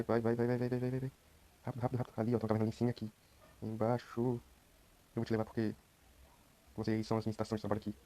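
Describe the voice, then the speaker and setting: A young Brazilian man giving quiet, rambling commentary while he plays a game. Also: on the low side. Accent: Brazilian Portuguese. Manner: talks quietly at night, rambling. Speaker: gameplay streamer. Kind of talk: casual gameplay commentary.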